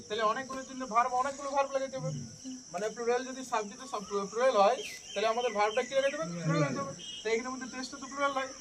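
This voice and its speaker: Man, very high voice, English teacher, classroom drill, constant check questions, loud crickets behind. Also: far from the mic. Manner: mixes English examples into Bengali speech; casual familiar address to students. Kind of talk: classroom grammar lesson. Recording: loud background noise with insects.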